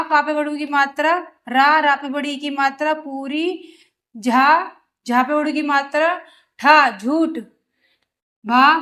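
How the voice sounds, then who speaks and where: A woman with a high voice leads a slow reading lesson for children. She spells each syllable aloud before joining them into a word, and keeps asking the class questions as she goes. The pace is unhurried and deliberate. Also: a bit bright. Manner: sounds out syllables, then blends them into words; asks rhetorical questions of the learners. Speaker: Hindi teacher.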